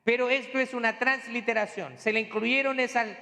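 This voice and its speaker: A man's voice: very high-pitched, steady tone, moderate pace, gravelly, pushed and bright, big-room sound. A man preaching a sermon as pastor, explaining in a teaching tone with rhetorical questions and homely asides.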